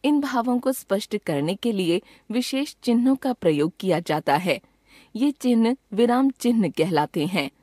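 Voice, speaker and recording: A woman reading a grammar lesson as scripted textbook narration, measured and slow on each example sentence. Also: mid-range voice, dark tone, dry recording, studio quality. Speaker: grammar teacher.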